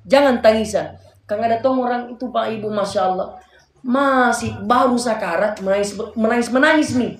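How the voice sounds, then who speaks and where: Animated preacher with South Sulawesi accent. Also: male voice, very high-pitched, normal speed, a little hiss or hum. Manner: animated, addresses the congregation directly. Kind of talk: casual sermon. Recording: echoey hall, voice far from mic.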